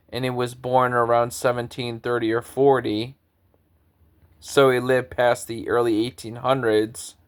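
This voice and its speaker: A man's voice: mid-range voice, clear, resonant tone. A man in his thirties, a composer, giving an earnest, lecturing, grandiose spoken monologue. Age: 30s.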